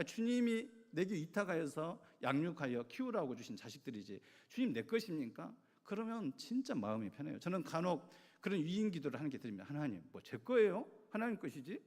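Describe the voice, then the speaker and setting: A middle-aged male pastor giving a sermon, telling a story with lively acted-out quotes. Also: fairly high pitch. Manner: animated storytelling, acting out voices in quotes. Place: church sanctuary. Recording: long church hall reverb.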